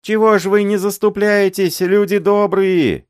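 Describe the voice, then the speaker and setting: A man voicing a beaten old man who wails and pleads for help in a shrill voice, reading a story aloud. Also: fairly even intonation, measured pace, darkish tone, clean tone, no room sound, studio quality. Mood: desperate wailing.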